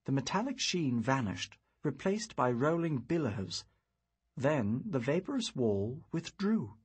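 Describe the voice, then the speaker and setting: A man narrates a fantasy audiobook in the first person, his voice deeply breathy and husky. He takes his time, lingering over each phrase. His pitch rises and falls expressively as he tells the story. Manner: measured, reflective storytelling.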